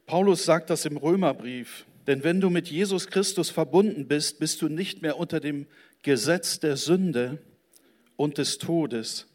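A male pastor delivers a sermon at a deliberate, unhurried pace. His voice sits a little high for a man, and he leans into the quoted lines with emphasis. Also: darkish tone. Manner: slow, emphatic preaching with dramatic quoted lines.

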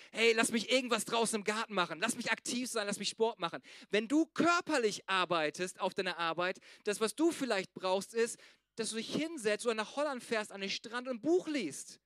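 A man preaching a sermon to a church congregation, swinging from loud urging to soft, hushed passages. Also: high-pitched, no room sound, clean studio sound. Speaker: pastor.

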